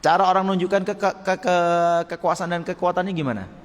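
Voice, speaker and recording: A man's voice: high voice, fast. Guy teaching in a mosque, acts out little lines and chuckles, long echo, faint hiss behind. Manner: lively, acts out short quoted lines and chuckles often. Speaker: Islamic preacher teaching a study circle. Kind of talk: mosque study lecture. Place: mosque hall. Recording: long hall reverb with faint noise.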